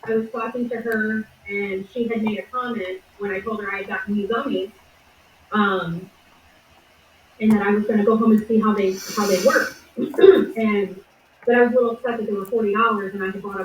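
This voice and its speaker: A woman's voice: medium pitch, fairly even intonation, normal speed, slight background noise. A woman talking casually and at length, hesitant and full of fillers, recorded from a distance in an echoey room. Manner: rambling, hesitant with many fillers. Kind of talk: casual discussion.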